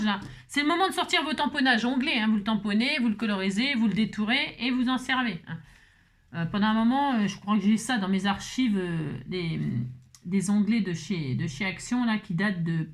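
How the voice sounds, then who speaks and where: A woman hosting a crafting tutorial, chatting to viewers as she works, with a slightly hoarse voice. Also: medium pitch. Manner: rambling, talks to viewers while working, many fillers.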